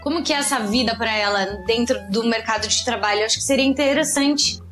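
A woman's voice: a little high, fast, a bit bright, faint music behind. Thoughtful woman commentator. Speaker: co-host. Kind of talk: casual commentary.

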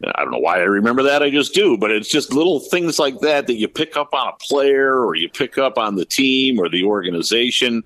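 Brisk and expressive, with hardly a pause, a fifties-aged man describes his job calling basketball games on radio during a chatty podcast interview. His voice is mid-range and a bit bright, recorded without echo.

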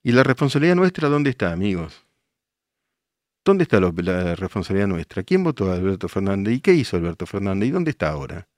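Low-voiced emphatic Argentine radio host. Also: male voice, very animated, quick pace, dry recording, clean studio sound. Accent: Argentine Spanish. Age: older. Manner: emphatic, rhetorical questions, pointed. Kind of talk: live radio talk answering listener messages.

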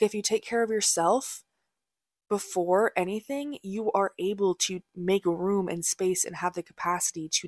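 A young woman hosts a podcast with a lowish voice, talking through spiritual advice in a candid, blunt, swear-laden way. She is recorded close and dry, with no room sound. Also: no room sound. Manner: candid and blunt, swears freely, many fillers. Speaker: podcast host. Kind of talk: casual spiritual advice talk.

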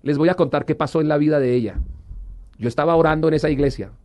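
A man's voice: fairly high pitch, fast talker, a little mellow. A middle-aged man giving an earnest personal testimony as an interview guest, sometimes slipping into a preacher's manner.

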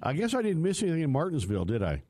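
Racing along with wildly swooping pitch, a man with a high, mellow voice hosts a studio motorsport radio show. He rambles chattily through stories, often at his own expense, and the recording is dry.

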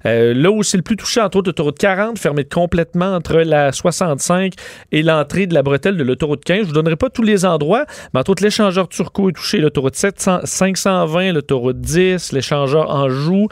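A man's voice: on the high side, fairly quick, no room sound, clean studio sound. Québécois man co-hosting radio news chat. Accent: Québécois French. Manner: conversational, with frequent fillers. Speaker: radio co-host.

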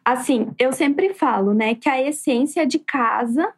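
A woman with a soft, near-whispering voice, chatting casually as a guest. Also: high voice, unhurried. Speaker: guest, architect. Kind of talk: casual chat.

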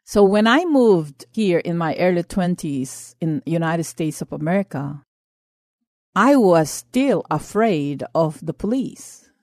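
A woman's voice: on the low side, lively intonation, slow, a little mellow, dry recording, clean studio sound. Earnest Filipino woman giving testimony. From Philippines. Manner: earnest, impassioned. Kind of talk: personal testimony and exhortation.

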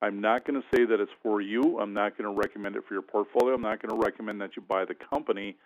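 A man's voice: fairly low pitch, steady tone, quick pace, no echo. A man joining a radio show over a phone line from a cabin in the woods, talking casually as a financial advisor and rambling with many hesitations. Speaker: financial advisor, regular guest. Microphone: phone or internet call.

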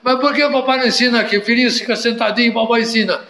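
A man voicing a stubborn little boy in a comedy sketch, quick and whiny. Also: very high-pitched, steady tone, sharp tone, echoey room, in a large hall, pitched above the performer's own voice, full character voice.

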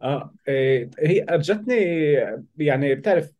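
A man's voice: on the high side, lively intonation, brisk, a little mellow, lo-fi sound. A man with a Palestinian Levantine Arabic accent, telling a personal story casually as an interview guest. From Palestinian from Israel.

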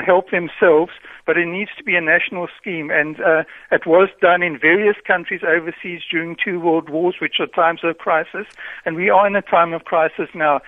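A man with a notably high voice calls in over a thin, tinny phone line. He sounds dry and close. He presses his point insistently and keeps repeating it. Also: no echo. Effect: heard over the phone. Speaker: caller. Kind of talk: call-in radio comment.

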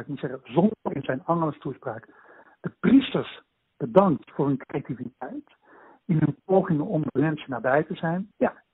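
A man on a poor-quality remote connection explains events at length in an interview, halting often with fillers and restarts. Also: slightly rough, dry recording. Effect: low-quality remote connection with poor sound. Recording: tinny, dry phone-like line.

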